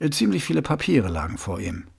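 A man reading a novel aloud as an audiobook narrator, in calm, even storytelling. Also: on the low side, fairly quick, creaky, breathy edge.

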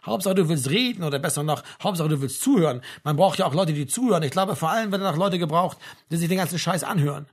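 A man's voice: fairly high pitch, expressive, quick pace, husky. A man reading a novel aloud, voicing a sardonic, mocking male drinker. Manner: mocking, ironic.

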